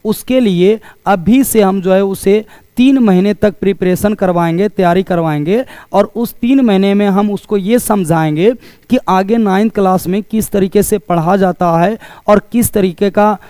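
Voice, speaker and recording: A man giving a promotional pitch for coaching classes as a teacher, explaining things repetitively. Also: darkish tone, no room sound. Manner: explanatory, repetitive, asks questions and answers them himself.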